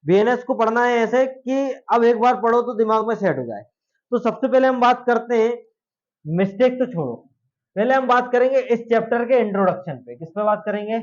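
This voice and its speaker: High-voiced joking male law lecturer. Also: moderate pace. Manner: chatty, jokey, asks students questions. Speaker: law teacher. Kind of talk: classroom lecture. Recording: dull lo-fi classroom recording.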